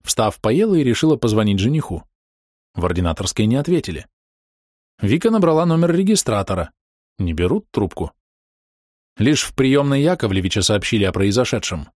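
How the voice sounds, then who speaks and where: Expressive male audiobook narrator, low voice. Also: a little fast, no room sound, clean studio sound. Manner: expressive, lively storytelling. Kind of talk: first-person audiobook narration.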